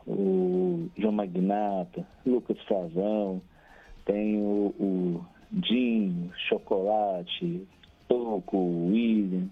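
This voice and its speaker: A low, husky-voiced Brazilian man calls in to a radio show, heard through a thin, crackly phone line that keeps breaking up. He is chatty and cheerful, laughs a lot and runs through long strings of shout-outs. Faint music plays behind him. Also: very slow. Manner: cheerful and chatty, laughs often, reels off long lists of names. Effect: crackly phone line that keeps cutting out. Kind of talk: casual chat and shout-outs on air.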